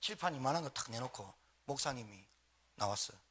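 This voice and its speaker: Lively husky-voiced pastor preaching. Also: male voice, mid-range voice, fairly quick. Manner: animated, fires rhetorical questions at the congregation. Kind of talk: storytelling sermon. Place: church sanctuary.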